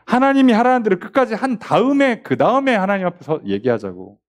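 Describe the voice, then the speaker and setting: Animated pastor teaching a Bible study. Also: male voice, sits high, fast talker. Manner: conversational preaching with rhetorical questions and acted-out quotes.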